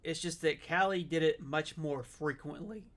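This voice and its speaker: A man giving casual, off-the-cuff reaction commentary as a streamer, halting and repeating himself for emphasis. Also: on the high side, fairly bright tone.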